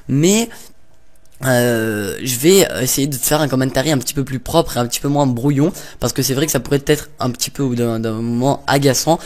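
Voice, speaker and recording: A gaming YouTuber, a young man with a medium-pitched, darkish voice, casually comments over gameplay. He rambles and hesitates, filling the talk with fillers and little jokes.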